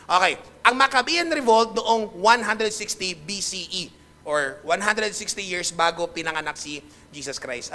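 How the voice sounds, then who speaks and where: A male pastor preaching a lively sermon, often asking the congregation questions and switching between Tagalog and English. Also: very high voice. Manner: animated, asks the congregation questions and mixes in English.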